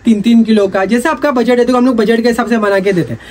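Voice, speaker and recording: A man, giving a rapid, repetitive sales pitch while showing gear in a cluttered indoor shop, filmed close up. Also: steady tone, a little mellow. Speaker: gym equipment seller.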